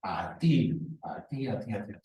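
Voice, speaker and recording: A man's voice: on the low side, animated, a little slow, mellow, muffled recording. Man preaching from far in an echoey hall. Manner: preaching with rhetorical questions to the congregation. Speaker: pastor. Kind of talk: sermon. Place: church hall.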